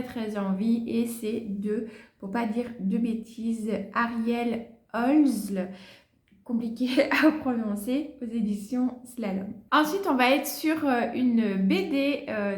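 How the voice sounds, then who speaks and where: A woman's voice: a little high, darkish tone. A woman vlogging about books she wants to read, chatting casually, with many fillers and little asides as she holds books up to the camera. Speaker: book vlogger. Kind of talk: casual book haul chat. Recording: echoey room.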